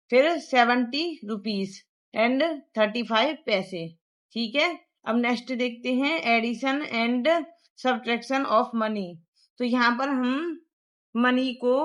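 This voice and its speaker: With an Indian accent, a woman teaches young pupils a primary-school math lesson from the textbook, going step by step and mixing Hindi with English. Her voice is a little high and a bit bright, and she reads the English textbook sentences very slowly.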